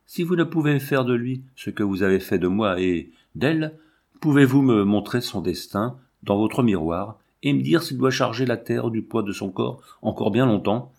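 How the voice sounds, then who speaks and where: A man's voice: mid-range voice, lively intonation, moderate pace, gravelly, a little mellow. A man voicing a bitter, vengeful middle-aged farmer in an audiobook, speaking with insulting fury. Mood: angry, vengeful. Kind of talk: audiobook character reading.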